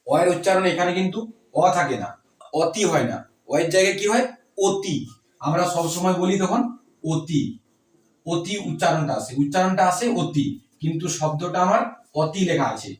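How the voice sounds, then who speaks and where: A man teaching pronunciation rules, asking rhetorical questions and repeating words slowly. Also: sits high, far from the mic. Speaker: Bengali grammar teacher. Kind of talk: explaining pronunciation rules to students. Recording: echoey room, voice from off-mic.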